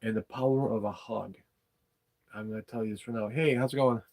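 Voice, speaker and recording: On his live chat stream, a non-native English-speaking host rambles unscripted, speaking frankly with casual swearing. He has a lowish, a little mellow voice with fairly even intonation, and he talks fairly quickly.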